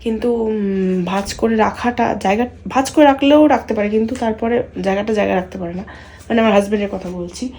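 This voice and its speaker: A young woman chats casually in a home vlog, talking softly and quietly with rambling fillers and restarts. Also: mid-range voice, quick pace. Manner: speaks softly and quietly so as not to wake her sleeping son. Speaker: vlogger. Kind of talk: casual daily-life vlog chat.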